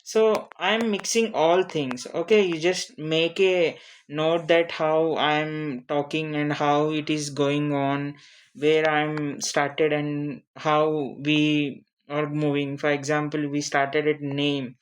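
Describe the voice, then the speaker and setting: In a level-toned, mid-range voice, a teacher whose first language isn't English gives an informal online lesson on introductions for interview English, using examples. The delivery is halting and repetitive, punctuated often by a questioning "okay?"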